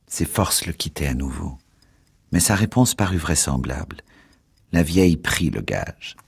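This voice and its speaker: A man giving a measured, dramatic scripted narration of a novel. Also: extremely low pitch, animated, vocal fry, breathy edge. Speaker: audiobook narrator.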